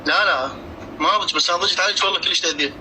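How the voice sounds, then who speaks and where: Casting: Iraqi male, fairly high voice, extremely quick delivery, casual reassuring phone chat. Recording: noisy line, clear background noise.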